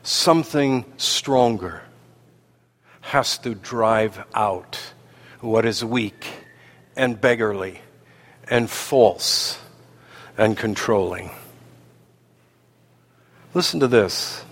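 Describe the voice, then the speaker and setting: A man preaching a sermon, slow and deliberate, with dramatic pauses. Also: on the low side, a bit bright. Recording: long hall reverb.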